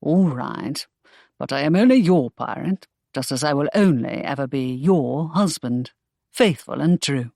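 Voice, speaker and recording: Woman doing a low-voiced teasing nobleman lover. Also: lively intonation, unhurried, creaky, dark tone, no echo, studio quality, exaggerated voice. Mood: tender. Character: gruff, protective young nobleman suitor.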